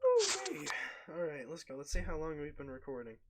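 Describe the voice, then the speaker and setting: Casual male player, slightly higher voice, rambling tabletop chat with in-character asides. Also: huge pitch swings, brisk, heavy background noise.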